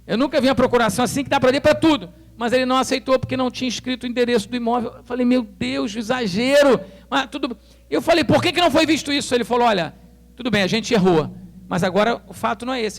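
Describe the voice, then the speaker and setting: A man's voice: extremely high pitch, fast, creaky. A male pastor with a Brazilian Portuguese accent telling a story in a sermon, acting out the dialogue as he goes. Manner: animated storytelling, acts out dialogue.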